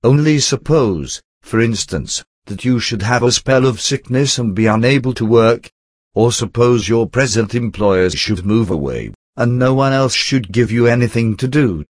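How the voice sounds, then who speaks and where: A man voicing a gloomy, worried pious lady in a devotional reading, read in a plain, measured way. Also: mid-range voice, animated, no echo, studio quality, close to an everyday voice.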